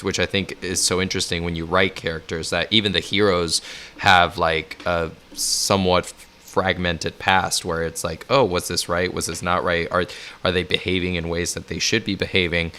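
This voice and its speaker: A man's voice: low voice, bright, forceful tone, clean tone. A man co-hosting a casual interview, easygoing and chatty, who narrates audiobooks. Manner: easygoing, chatty, frequent "like" and "you know". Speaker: podcast co-host and audiobook narrator.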